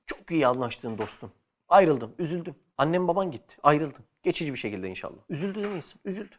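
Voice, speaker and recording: A man giving a lively religious lesson, asking questions and answering them himself. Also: a little high, quick pace. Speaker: religious teacher.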